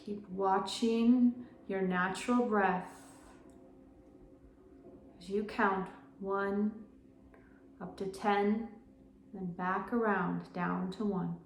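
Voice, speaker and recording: A woman guiding a slow breath-counting meditation, giving gentle, measured instructions in short phrases with pauses. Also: medium pitch, steady tone, a little hiss or hum. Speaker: meditation guide. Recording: roomy, echoing sound.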